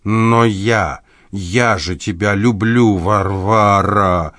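A man voicing a self-pitying, pompous husband who whines in a slow, drawn-out, nasal voice in an audiobook. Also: lowish voice, a bit bright, no echo, clean studio sound. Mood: pleading.

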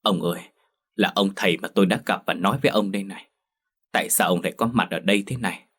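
A man voicing a grieving aging mother who scolds her son through sobs, rising to shrill outbursts. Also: fast talker, a bit bright, slightly rough. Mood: surprised. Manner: sobbing, reproachful, shrill outbursts.

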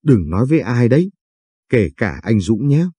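A man voicing a quiet, guarded young mother who gives short, subdued replies. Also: medium pitch, big pitch swings, normal speed, slightly rough, no echo.

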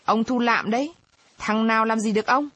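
A woman's voice: on the high side, a little fast, a bit bright, breathy edge, dry recording, pitched above the performer's own voice. A woman reading aloud, voicing a greedy, boastful male village chief who drawls his words.

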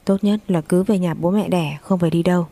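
A woman's voice: lowish voice, steady tone, fairly quick, mellow, no echo. A woman voicing a blunt but caring older female friend on the phone in a story reading. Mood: concerned. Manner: blunt, direct.

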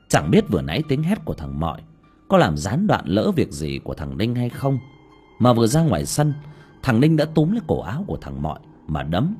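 A man narrating a scripted horror story in a dramatic, expressive way. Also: on the low side, breathy edge. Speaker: audiobook narrator.

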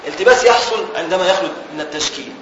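A man's voice: high-pitched, racing, reverberant, muffled recording, noisy background. A man with an Egyptian Arabic accent teaching a classical religious text. He reads passages, then explains them in colloquial speech and repeats his key phrases.

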